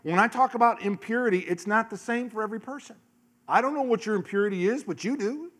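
Middle-aged pastor preaching on a church stage. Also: male voice, high-pitched, fast talker. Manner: storytelling, acts out voices, shifts from hushed to loud. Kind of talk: sermon. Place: large church stage, indoors. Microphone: handheld mic.

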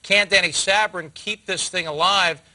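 A man in his fifties hosting post-game sports talk in a TV studio, putting measured questions to his analyst. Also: sits high, fairly even intonation, pushed and bright, poor audio. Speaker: studio host. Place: TV studio set.

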